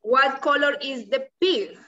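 A young woman, a native Spanish speaker, teaches small children in a slow, simple, encouraging way, as if talking to a toddler, having them repeat words. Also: high-pitched, a bit bright. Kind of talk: preschool vocabulary lesson for repeat-after-me practice. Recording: distant, slightly muffled video-call audio.

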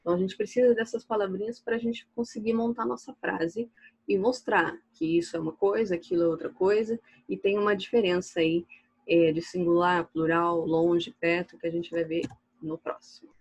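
Patient Brazilian teacher, breathy voice. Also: female voice, lowish voice, fairly even intonation, darkish tone, no room sound, highs cut off. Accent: Brazilian Portuguese. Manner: patient, slow and clear, asks "ok?" after each point. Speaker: English teacher. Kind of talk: recorded online class explaining slides.

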